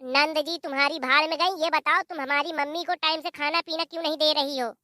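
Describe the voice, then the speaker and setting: A woman's voice: high voice, steady tone, a little fast, pushed and bright, no echo, clean studio sound. A woman voicing a fiery young married daughter in a village cartoon, scolding in a confrontational tone with a Bundelkhandi Hindi accent.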